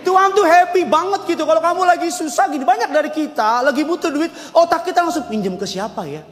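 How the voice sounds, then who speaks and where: A man preaching a lively sermon in church, joking and calling on the congregation to answer back. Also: very high-pitched, fast talker. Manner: animated, joking storytelling preacher. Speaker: pastor. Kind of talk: lively sermon with call and response. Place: church service. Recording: long hall reverb, faint music behind.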